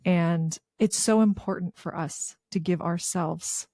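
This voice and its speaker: A woman's voice: on the low side, slow, mellow, no echo, clean studio sound. A woman hosting an interview podcast, effusive and encouraging toward her guest. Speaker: podcast host. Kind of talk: interview chat.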